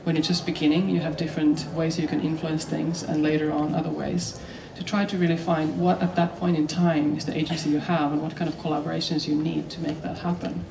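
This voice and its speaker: A woman design researcher and teacher speaking on a conference panel in a measured way. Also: low voice, little pitch movement, gravelly. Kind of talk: panel talk on stage. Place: large hall on stage. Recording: roomy hall, mic at a distance, noisy.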